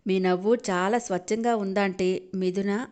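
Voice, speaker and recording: A woman's voice: mid-range voice, steady tone, measured pace, a little mellow, natural voice. Woman reader doing young man, sulky and touchy, storybook drama.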